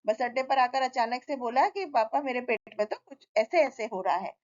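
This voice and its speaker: A woman's voice: a little high, moderate pace, darkish tone, close to an everyday voice. A woman doing an anxious fretting father. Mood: worried. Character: worried father of a sick boy. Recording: slightly dull lo-fi recording.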